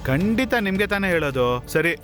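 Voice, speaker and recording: An actor playing a shady man giving quiet orders about a parcel in a dubbed film. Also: high voice, expressive, fairly quick. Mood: scheming. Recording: film soundtrack with music behind.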